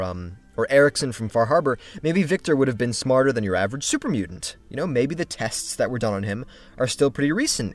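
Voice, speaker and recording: Man joking through a game rundown. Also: medium pitch. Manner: playful, joking asides. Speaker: gaming video creator. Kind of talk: casual game commentary.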